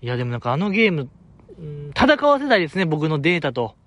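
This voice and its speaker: His pitch is a little high and swings widely as he talks at a quick pace, with a somewhat bright sound. He's a Kansai Japanese radio host doing a casual solo talk show, chattily reading listener messages and being self-deprecating.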